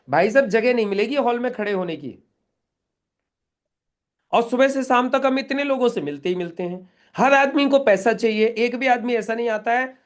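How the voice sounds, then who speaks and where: Male trainer drilling a group. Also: extremely high pitch. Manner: instructive, drilling the group with questions. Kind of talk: live training session.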